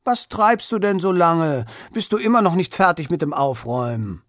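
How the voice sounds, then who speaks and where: A man voicing a caring but strict mother who scolds briskly. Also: a little high, lively intonation, fairly bright tone, no echo, clean studio sound, pitched above the performer's own voice. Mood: scolding.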